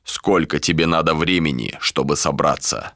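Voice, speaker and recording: A man reading an audiobook voices a cold, contemptuous male ruler in a low, measured voice. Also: fairly bright tone, no echo, studio quality. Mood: cold, commanding.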